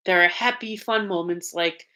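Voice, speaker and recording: A woman's voice: fairly low pitch, moderate pace, sharp tone. A young woman co-hosting a casual live stream, talking in a rambling way with many restarts and a lot of feeling. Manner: rambling, restarts often, emotional. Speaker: co-host of a paranormal channel.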